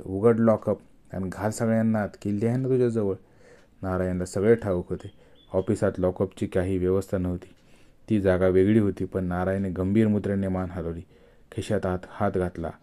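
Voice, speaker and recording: A man narrating a story in a steady, expressive storytelling manner. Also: low voice.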